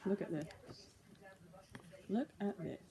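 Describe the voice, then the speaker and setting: A woman's voice: mid-range voice, lively intonation, slow, low-quality recording. Chatty young woman vlogging over crowd noise. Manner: chatty, rambling, many "so, yeah" fillers. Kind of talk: casual unboxing vlog. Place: indoors in daylight. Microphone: tablet's built-in mic.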